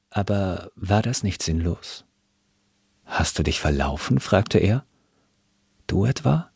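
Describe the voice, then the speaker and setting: A man reading a novel aloud in a calm, measured way. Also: low voice, creaky, slightly rough, no echo, clean studio sound. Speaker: reader. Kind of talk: scripted literary reading.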